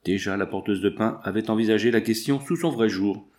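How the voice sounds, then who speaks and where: Give me a man narrating a classic novel in a measured, expressive voice. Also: fairly low pitch. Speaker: audiobook narrator. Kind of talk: scripted narration.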